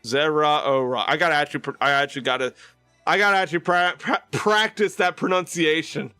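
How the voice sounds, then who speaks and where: A man live streaming, chatting with viewers in a bright, forceful voice that sits a little high. He rambles with fillers and restarts. The sound is close and dry, with faint music behind him. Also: quick pace, clean tone, no echo. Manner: rambling and warm-hearted, lots of fillers and restarts. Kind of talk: casual chat with viewers.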